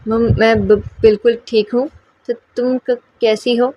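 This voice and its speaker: A woman's voice: fairly high pitch, flat delivery, muffled recording, slight background noise, natural voice. A woman voicing a polite, shy young woman who stammers and breaks off her words, in an audiobook. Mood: halting.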